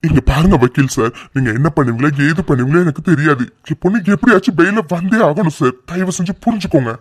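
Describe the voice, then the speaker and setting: A man with a husky, higher-than-average voice speaks fast while voicing a doting middle-aged father in a cartoon. He first soothes his daughter, then turns demanding as he presses her for help.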